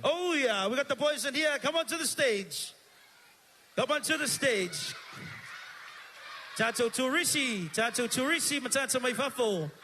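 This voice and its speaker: A very high, bright male voice with a Samoan accent, working a live crowd from the stage. He is energetic, calls out to the audience and flips between Samoan and English. He speaks into a handheld microphone with a faint noise underneath. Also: a little slow, long pauses. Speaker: master of ceremonies. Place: stage at an evening show.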